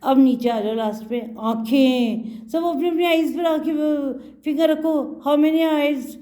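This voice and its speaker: A woman's voice: high-pitched, takes it slowly, warm tone. A woman teaching Hindi to young children, patiently repeating words for them to echo and mixing in English words.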